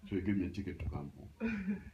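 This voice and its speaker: Very deep-voiced man in his eighties. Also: dull audio, noisy background. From Uganda. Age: 80s. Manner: halting, restarts often, animated when recalling. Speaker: interviewee, grandfather. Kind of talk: casual reminiscing interview. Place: grandparents' house, indoors.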